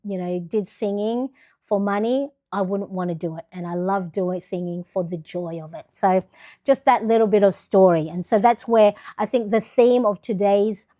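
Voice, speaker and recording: Her voice is mid-range and warm at a normal speed as this middle-aged woman from the Philippines hosts a planner livestream. The chat is casual and rambling, thick with fillers and restarts.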